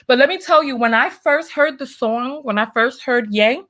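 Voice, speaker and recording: A woman's voice: high-pitched, normal speed, a bit bright. A woman hosting a casual chat, teasing and playful. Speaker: host. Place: home room with a printer.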